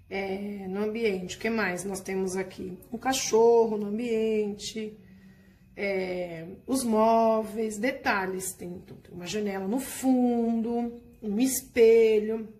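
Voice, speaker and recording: A patient woman teacher, explaining a workbook lesson step by step to her class. Her voice sits fairly high, and she keeps checking in with the students as she goes. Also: a little mellow, slight background noise.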